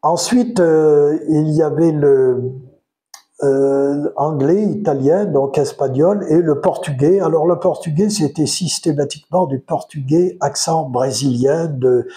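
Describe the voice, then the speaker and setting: Slow, mellow older man from Provence. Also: on the high side. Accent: Provençal French. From France. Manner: hesitant, many pauses and fillers; unhurried, chatty. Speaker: retired commentator. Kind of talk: casual solo monologue.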